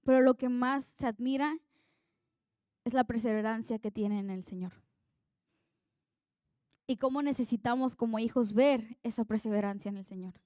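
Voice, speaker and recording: A woman's voice: fairly high pitch, moderate pace, pauses often, mellow, no echo, clean studio sound. A young woman preaching an earnest, conversational sermon that draws on her own life.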